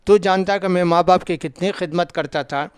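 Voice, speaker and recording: Man, religious lecture, South Indian Urdu accent, smooth resonant voice, dry close studio sound. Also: sits high, fairly even intonation, no echo. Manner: storytelling preacher, acts out dialogue, repeats for emphasis. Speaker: Islamic scholar.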